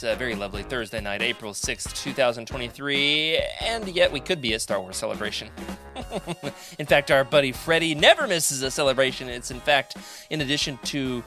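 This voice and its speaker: A man hosting a podcast in casual chat, joking and laughing often. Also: medium pitch. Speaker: podcast host.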